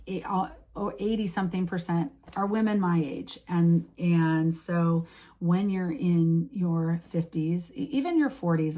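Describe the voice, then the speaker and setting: A woman's voice: on the low side, mellow. A woman in her late fifties chatting casually to her followers, rambling with many restarts and fillers. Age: 50s. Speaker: vlogger. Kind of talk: casual chat to camera.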